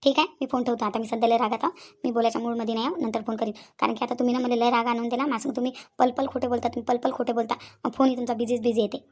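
A woman's voice: on the high side, steady tone, racing, a little mellow, natural voice. A woman voicing an angry young woman with a Vidarbha Marathi accent, accusing her fiancé and repeating her questions. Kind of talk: cartoon voice acting.

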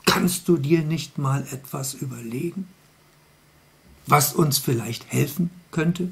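Slow gravelly guy telling kids a story, playful and chatty, keeps asking them stuff. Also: on the high side, fairly bright tone. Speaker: children's storyteller. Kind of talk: storytelling to children.

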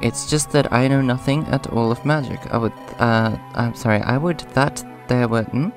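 At a normal speed, a male gaming video host narrates a casual let's play in a hoarse, subdued, average-pitched voice. He drifts between rambling comments and reading lines of on-screen dialogue, with video game music clearly audible behind him.

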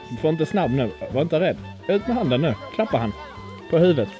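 A man in his twenties with a fairly high, very animated voice vlogs outdoors at a farm full of animals, with music playing underneath. He's a YouTuber filming alongside his nephew, joking playfully and laughing often in casual vlog chatter.

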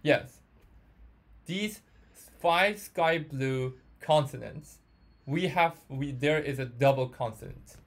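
On an online group audio call, a male Korean teacher with a Korean accent leads a lesson. His slightly high voice delivers non-native English haltingly, and he often repeats words as he explains.

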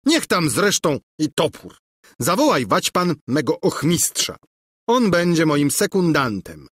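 A man's voice: on the high side, big pitch swings, a little slow, slightly rough, voice pushed up, exaggerated voice. A man voicing a pompous, boastful young prince.

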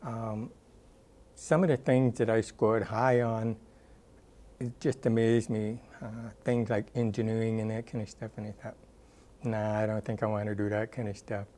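A man in his sixties, formerly a rehabilitation counselor, thoughtfully and unhurriedly recalls his career in an oral history interview, with frequent ums and uhs. He has a fairly low voice and flat delivery, recorded on a lapel mic in a dark studio.

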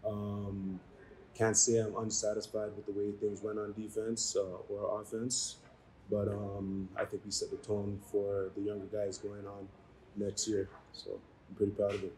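A young man, a university football player, answering post-game press questions in a measured, reflective way with frequent ums. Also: fairly low pitch, completely flat delivery, a little mellow, a little hiss or hum, rough recording. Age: young adult. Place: small room before a maroon backdrop.

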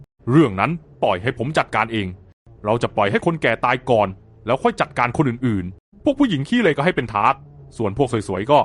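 A man voicing a sly, cruel male survivor who plots in a low, hushed tone. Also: sing-song, fairly quick. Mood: cold scheming.

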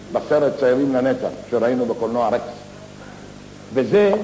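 A man telling comic stories on stage, in a lively theatrical monologue full of slangy asides. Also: mid-range voice, slight background noise. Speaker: stage comedian. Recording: echoey live theater hall recording.

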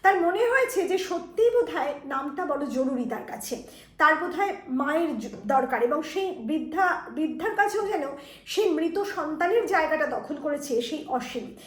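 Woman, teacher, high pitch, echoey room, explanatory, addresses students. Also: expressive, moderate pace. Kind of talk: exam revision lesson.

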